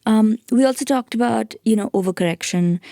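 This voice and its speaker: A woman hosts a conversational interview with soft, brief affirming remarks. Her voice is mellow and warm, at a middling pitch. It is recorded dry and close, with no room echo. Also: brisk, creaky. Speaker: interview host.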